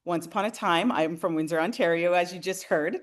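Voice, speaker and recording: A woman's voice: fairly low pitch, brisk. A woman in her forties from Canada, a realtor hosting a webinar, who talks in a friendly, enthusiastic way and speaks straight to her viewers. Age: 40s. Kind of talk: upbeat webinar presentation.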